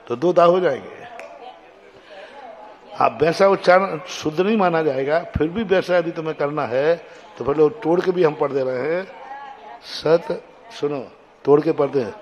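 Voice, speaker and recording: A man teaching a class, correcting students as they recite a verse and sounding out syllables slowly to show them how. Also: a little high, a little mellow, dull audio. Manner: patient, corrective, repeats syllables slowly to demonstrate. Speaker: Jain monk teacher.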